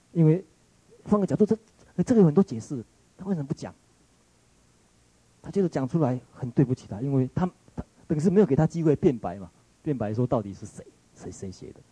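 A man's voice: mid-range voice, very animated, fairly quick, long pauses, mellow, breathy edge, no echo, low-quality recording. A man with a Taiwanese Mandarin accent giving a reflective lecture, retelling a story in a musing way, often searching for words and restarting.

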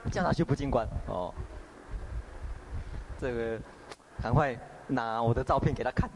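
A man's voice: medium pitch, a little slow, slight background noise, rough recording. A man teaching meditation in a conversational dharma talk, often asking his listeners questions. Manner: conversational, filler-laden, asks the audience. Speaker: Buddhist teacher.

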